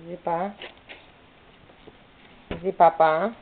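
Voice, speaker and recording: A woman's voice: on the low side, fairly even intonation. A young woman at home filming her toddler, coaxing her with playful, repetitive baby talk. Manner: coaxing, repetitive prompts to a small child. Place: home, in a room with a bed. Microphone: camera's built-in mic. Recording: tinny lo-fi home camera audio with faint noise.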